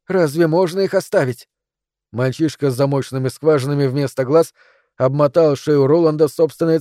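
Man reading a dark audiobook. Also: fairly high pitch, no echo, studio quality. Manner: measured, dramatic reading. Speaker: audiobook narrator. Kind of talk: scripted narration.

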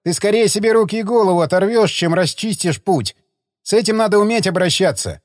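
A man's voice: sits high, expressive, fairly quick, no room sound, clean studio sound, voice pushed up. A man narrating an audiobook voices a seasoned soldier who speaks bluntly and firmly, a little raised above his narrating voice. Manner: blunt, matter-of-fact, raised.

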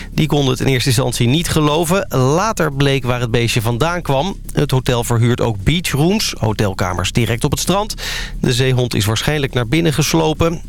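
Dutch male newsreader over background noise. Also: mid-range voice. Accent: Netherlands Dutch. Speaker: radio newsreader. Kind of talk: scripted news bulletin with weather.

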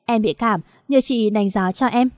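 A woman's voice: a little high, normal speed, darkish tone, no room sound, close to an everyday voice. A jealous, hot-tempered young man who teases with a sly, mocking edge, read by a woman narrator in her own voice. Dry, close audiobook sound.

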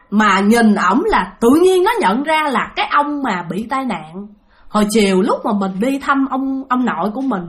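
A woman's voice: high voice, fairly bright tone. A woman telling a ghost story in a chatty way, talking straight to her listeners and repeating things for emphasis.

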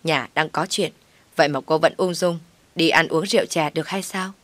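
Woman doing a shrill naggy old mother-in-law, loud and bossy, dry audio. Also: steady tone, brisk, no echo, natural voice. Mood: scolding. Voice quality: shrill, nagging.

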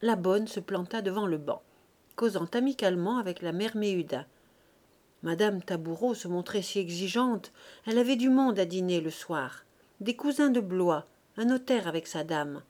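In this audiobook, a classic novel is narrated by a woman whose voice sits in the middle range. She reads in an expressive, carefully paced manner.

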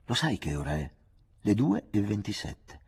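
A man reading an anxious, gentle aging father. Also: on the low side, big pitch swings, normal speed, creaky, breathy edge, voice pushed up, heavily acted. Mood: curious. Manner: kindly, fretful, confiding.

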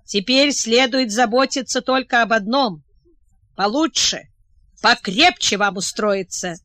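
A woman reading the part of a calm, self-assured male field marshal who speaks matter-of-factly. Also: fairly high pitch, a little slow, dry recording.

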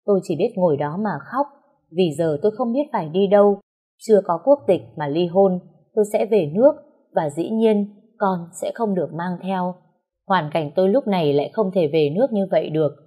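A woman narrates a first-person story in a steady, measured way. Her voice sits on the lower side, and she reads the story plainly. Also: breathy edge.

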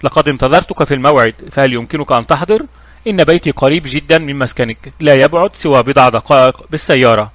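A man's voice: mid-range voice, fast, a bit bright, no echo, natural voice. A man voicing a courteous male lawyer speaking on the phone in a story reading.

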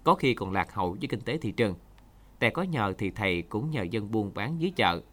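A man reading a short story aloud for a radio program in an expressive storytelling manner. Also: fairly low pitch, fairly quick. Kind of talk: scripted narration.

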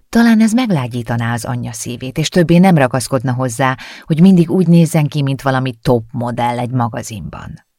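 Gravelly male audiobook narrator. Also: mid-range voice, darkish tone, no room sound, clean studio sound. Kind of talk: scripted narration.

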